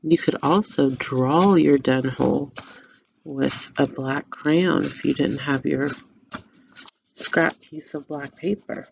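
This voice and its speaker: A woman teacher giving gentle step-by-step craft instructions and reading a story to children. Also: low voice, slow pace, vocal fry, dull audio, a little hiss or hum. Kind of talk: craft lesson and story read-aloud for children.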